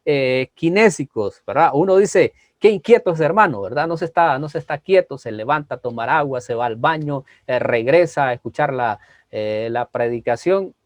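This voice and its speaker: A man teaching a homiletics class in a church, animated, often asking "¿verdad?" and moving between strong and soft delivery. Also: moderate pace, no echo, studio quality. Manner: animated, tag question "¿verdad?" after many phrases; varies loudness and pitch on purpose, drops to soft asides. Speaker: preaching instructor. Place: church hall.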